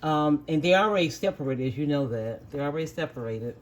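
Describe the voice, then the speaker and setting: A woman's voice: low voice, expressive, a little fast. Middle-aged woman, home cooking vlog host; firm with the dogs, plain step-by-step talk; faint dog noise behind. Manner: firmly scolds barking dogs, then explains steps plainly. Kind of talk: casual cooking demonstration. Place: home kitchen with dogs nearby.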